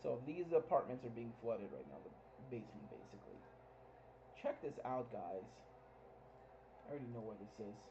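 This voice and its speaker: A man hosting informal live hurricane coverage, excitable and emphatic, repeating himself as he gives updates. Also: mid-range voice, normal speed, pauses often. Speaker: livestream host covering a hurricane. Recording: muffled lo-fi audio with faint noise.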